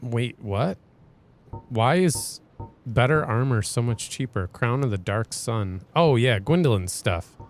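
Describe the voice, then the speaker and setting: A man chatting casually over his gameplay, rambling and hesitant, often trailing off mid-thought. He talks slowly in a mid-range voice. Game music plays faintly behind him. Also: mid-range voice, animated. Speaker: let's play host.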